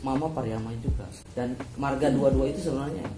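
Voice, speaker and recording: Lively man telling stories. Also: medium pitch, brisk, noisy background. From Maluku, Indonesia. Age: 20s. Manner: lively, laughing, acts out other voices. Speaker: guest writer. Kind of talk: anecdotal storytelling. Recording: roomy hall with music behind.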